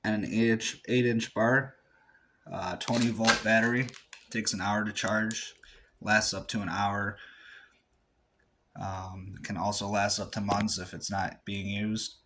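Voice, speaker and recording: A man giving a casual, halting product review in his home garage. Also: on the low side, a bit bright, slight background noise. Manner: plain, halting with fillers.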